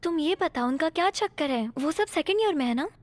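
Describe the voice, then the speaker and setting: A woman's voice: sits high, expressive, fairly quick, no room sound. A woman voicing a clever, level-headed young schoolgirl heroine in an anime dub.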